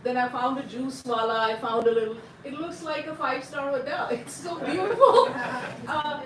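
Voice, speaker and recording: A woman's voice: high voice, steady tone, brisk. A woman in her fifties giving a devout tribute at a gathering, telling her memories with fond asides. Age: 50s. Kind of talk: personal testimony at a gathering. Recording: echoey room, distant mic, faint noise.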